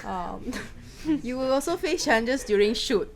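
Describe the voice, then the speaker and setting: A woman from Malaysia, a film director, answering questions in a casual talk with quick anecdotes and frequent laughs. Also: on the high side, expressive, gravelly. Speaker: film director giving a masterclass.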